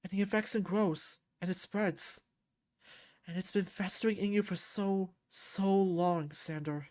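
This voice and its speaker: Woman playing a soft-spoken male therapist. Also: medium pitch, fairly even intonation, lightly acted. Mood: gentle. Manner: soft, soothing, slow and earnest. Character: gentle, caring male therapist.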